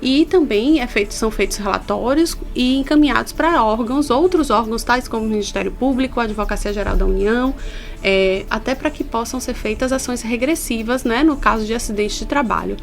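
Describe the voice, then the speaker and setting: A Brazilian woman with a fairly high voice gives a radio interview from a studio as a labor inspector. She explains patiently and earnestly, leaning on key points. Faint music plays softly behind her. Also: fairly quick, creaky.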